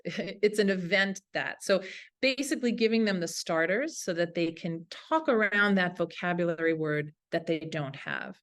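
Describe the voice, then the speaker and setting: A language teacher presents a webinar to her colleagues, teaching with enthusiasm in a relaxed, informal way. Her voice sits on the low side and carries a fairly bright tone.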